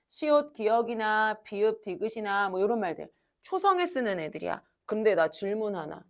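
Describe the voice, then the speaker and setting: In a classroom lecture, a female high-school language teacher poses questions to her students and then supplies the answers herself. Her style is brisk and encouraging.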